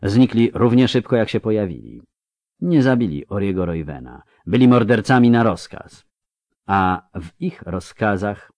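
Sex: man. Role: audiobook narrator. Style: dramatic fantasy narration. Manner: measured, expressive. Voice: low, lively, dry close mic. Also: no echo. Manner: measured, dramatic, slowing for effect.

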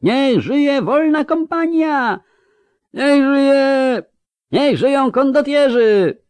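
A man voicing a festive crowd of townsfolk, yelling high and strained cheers. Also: lively intonation, extremely slow, no echo, exaggerated voice. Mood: ecstatic cheering.

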